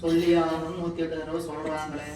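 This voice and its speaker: A man giving a slow, repetitive devotional commentary on scripture, using everyday examples. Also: on the high side, monotone, crowd noise. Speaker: spiritual teacher. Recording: echoey room, mic far off.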